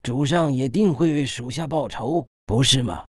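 A man voicing a devoted male subordinate who is dying, speaking hoarse, breathless and in broken phrases in an audiobook. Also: mid-range voice, dry recording, studio quality, lightly acted. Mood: pleading, fading. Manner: halting, broken-up speech.

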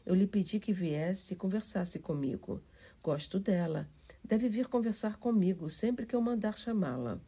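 A woman's voice: mid-range voice, lively intonation, moderate pace, warm tone, breathy edge. A woman voicing a sickly, imperious young boy who gives orders in a storybook reading. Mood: commanding. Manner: bossy, insistent.

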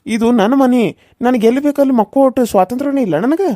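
A mellow, dark-toned village husband in a cartoon, whining and full of self-pity in a North Karnataka accent, as a woman acts him out. The sound is dry and close. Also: high voice, fast talker, dry recording, lightly acted. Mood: grumbling. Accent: North Karnataka Kannada. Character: grumbling village husband who drinks, self-pitying. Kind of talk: cartoon serial voice acting.

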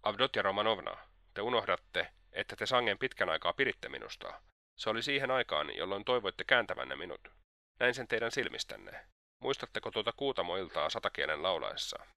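A man's voice: fairly low pitch, very animated, creaky, pushed and bright, no room sound, clean studio sound, heavily acted. Man doing a taunting, mocking seducer. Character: scheming sensual man, mocking and persistent.

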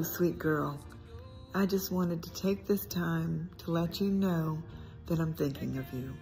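Low, creaky woman speaking tenderly. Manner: soft, tender, reassuring. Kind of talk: heartfelt video message.

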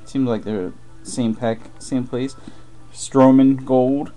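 Opening trading card packs during a live break, this host offers muttered commentary in a warm, medium-pitched voice that moves slowly and fairly evenly. The rough recording, made in a room with boxes on a desk, has faint music and wrapper crinkling in the background.

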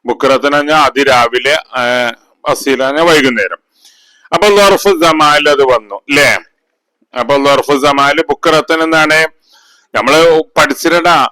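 A male teacher giving an exam revision lesson, with a slightly high and bright voice. He speaks slowly, repeats each term and keeps asking his pupils questions. The sound is dry and close. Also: dry recording, rough recording. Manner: chants grammar rhymes slowly. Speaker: Arabic teacher.

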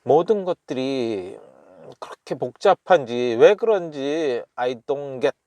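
A man chatting casually as he studies, chuckling often and repeating phrases slowly while thinking aloud. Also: medium pitch, animated, a little mellow, no room sound. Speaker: self-taught language learner. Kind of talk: casual study commentary.

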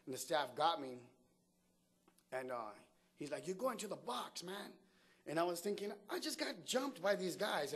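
A man tells his own life story in casual street slang, with a voice in a middle pitch for a man. He gets animated, playing out the people in his memories and laughing as he goes. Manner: animated, acts out quotes, laughs often. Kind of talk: personal life story told to camera.

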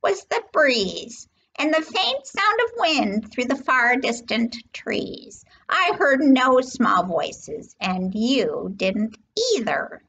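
A woman's voice: a little high, sing-song, very slow, gravelly, fairly bright tone, slight background noise, heavily acted, rough recording. A woman voicing a big, haughty female kangaroo from a children's storybook, indignant and snappish, stretching out emphatic words. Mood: dismissive. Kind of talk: children's storybook character reading.

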